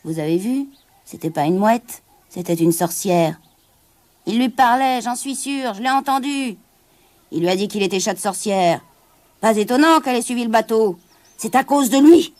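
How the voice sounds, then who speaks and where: A woman voicing suspicious male sailors who mutter and gossip in hushed tones in a storybook reading. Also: fairly high pitch, expressive, normal speed, natural voice.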